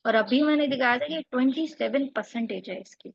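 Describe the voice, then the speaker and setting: A woman's voice: high-pitched, fairly quick, gravelly, dry recording. Corrective woman tutor, dry lo-fi sound. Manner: coaching, corrective, explains step by step. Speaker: English exam tutor. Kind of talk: one-on-one online lesson.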